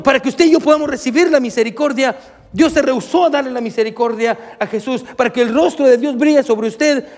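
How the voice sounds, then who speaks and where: A male pastor preaching a sermon emphatically, speaking straight to his congregation. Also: very high-pitched. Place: church. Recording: long reverb of a church hall.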